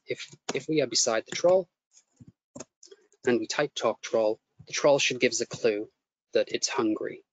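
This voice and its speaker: A man teaching a coding lesson, explaining each step as he types and often repeating himself as he goes. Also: mid-range voice. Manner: explains step by step while typing, repeats words. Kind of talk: live coding tutorial. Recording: muffled lo-fi audio with faint noise.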